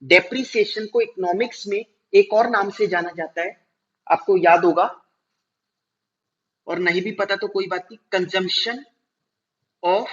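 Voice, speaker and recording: A male teacher giving a classroom lecture, explaining step by step, slowing down to spell out terms and checking whether students follow. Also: high voice, a bit bright. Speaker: commerce teacher. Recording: dull lo-fi recording.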